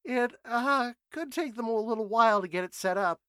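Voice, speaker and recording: A man voicing an eager young man barely containing his excitement in a storybook reading. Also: extremely high pitch, moderate pace, clean tone, no room sound, clean studio sound, pitched above the performer's own voice.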